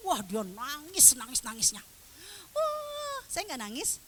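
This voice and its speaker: Middle-aged female preacher, lively storyteller, high and bright, faint hiss behind. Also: moderate pace. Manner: animated storytelling, acts out quotes, Arabic prayer phrases. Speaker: religious teacher. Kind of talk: sermon to a women's study group.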